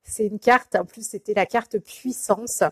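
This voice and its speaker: A woman's voice: medium pitch, a little slow, slightly rough, dry recording. A woman coach chatting casually in a live video, hesitant and full of fillers and restarts, greeting viewers by name. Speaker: life coach.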